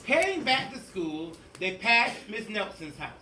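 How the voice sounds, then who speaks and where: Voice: medium pitch, very animated, measured pace, pushed and bright. A storybook reader doing a theatrical, emphatic read-aloud of a children's picture book. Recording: echoey room, distant mic, faint noise.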